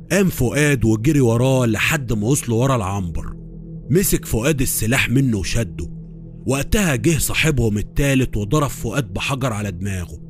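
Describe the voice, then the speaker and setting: A man with an Egyptian Arabic accent, narrating a horror story in a confiding first-person way. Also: mid-range voice.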